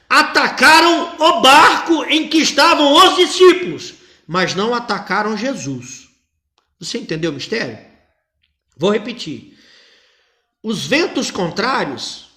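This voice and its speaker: Man, pastor, sermon, bright tense voice, emphatic repetition, echoey room. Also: extremely high pitch. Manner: emphatic preaching, repeats key lines.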